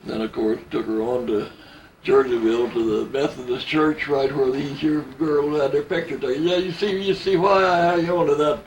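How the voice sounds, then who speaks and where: An older man telling old memories in a halting, casual way, often repeating and restarting his words. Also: a little high, flat delivery, distant mic, slight background noise. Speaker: family member telling memories. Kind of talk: casual storytelling. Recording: echoey room, away from the mic, faint ambience.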